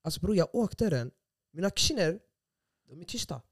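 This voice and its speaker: A young man co-hosts a casual podcast and tells stories with lively, slangy energy. His voice sits a little high. The sound is dry and close, with no room echo. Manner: animated storytelling, slangy street Swedish. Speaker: podcast co-host. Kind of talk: casual chat. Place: small studio room.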